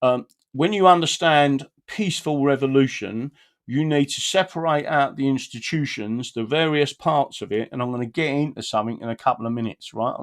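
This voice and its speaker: A man's voice: mid-range voice, moderate pace. A man giving informal, emphatic commentary on a video, often checking in with "right?". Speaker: commentator presenting a clip.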